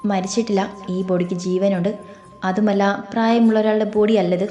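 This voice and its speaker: A woman's voice: mid-range voice, steady tone, brisk, mellow, dull audio, lightly acted. A woman voicing an earnest young man who speaks urgently and explains, recorded in a roomy space with faint music.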